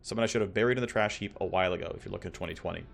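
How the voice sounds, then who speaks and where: A man's voice: low voice, racing, gravelly. A man reading the game dialogue of a hard, businesslike crime boss, blunt and commanding. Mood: demanding.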